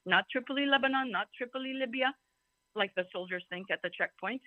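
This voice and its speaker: A talkative, emphatic woman from Greece gives an informal, digressive personal testimony as a speaker at a symposium. Her voice is slightly high and brisk, with no room sound. The audio is thin and narrow, like a phone call.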